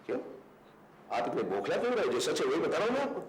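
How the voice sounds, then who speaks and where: An actor playing a bitter, volatile man who rages at his tenant and his father, often accusing and breaking into shouts. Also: a little high, huge pitch swings, fast talker, a little hiss or hum. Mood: angry. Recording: dramatic music underneath.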